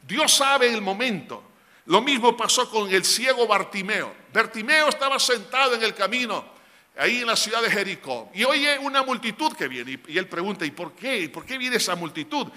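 A man preaching in a high, piercingly bright voice, pressing his point to the congregation with bursts of shouting. His sermon rings with a long reverb through a church hall. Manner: emphatic, addresses congregation as brothers, shouts quoted cries. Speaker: pastor.

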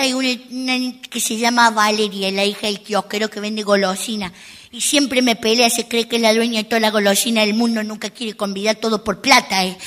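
Brief: woman comic as a sassy little girl, high, bright, indignant asides. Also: close to an everyday voice. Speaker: stand-up comic in character. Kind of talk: comic monologue.

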